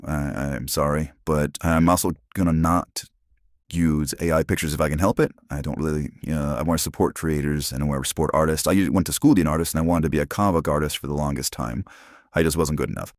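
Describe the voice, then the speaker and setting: A man's voice: no room sound, studio quality. A man in his forties from Arizona, talking through a voice changer, rambling casually with many restarts into a phone. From Arizona, USA. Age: 40s. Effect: voice changer, pitched very deep. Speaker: channel host.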